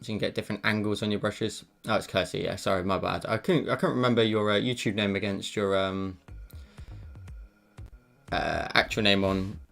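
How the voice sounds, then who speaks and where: During a live digital drawing lesson, this streamer keeps up casual chat, reading out viewers' messages and replying. His lowish, gravelly voice stays steady and fairly bright at normal speed, recorded through a desk mic with headphones on and soft background music.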